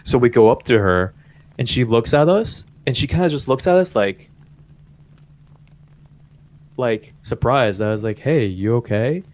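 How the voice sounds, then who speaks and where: A young man co-hosting a podcast, telling a story in casual chat, with lots of "like" and animated quotes of others. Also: mid-range voice, a little slow, pauses often. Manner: rambling, heavy use of "like", animated quoting. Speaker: podcast co-host.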